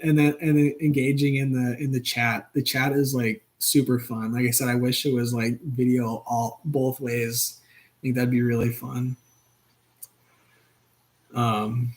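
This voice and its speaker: A man in his thirties hosts a casual live stream, talking loosely and warmly to viewers. He rambles and restarts often, with plenty of fillers. His voice sits at an ordinary middle pitch. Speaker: channel host.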